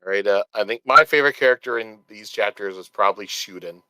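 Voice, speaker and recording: A man co-hosting a casual book-club podcast who talks in a relaxed way, hedging with fillers on a close mic. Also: fairly low pitch, quick pace, dry recording, rough recording. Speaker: podcast co-host.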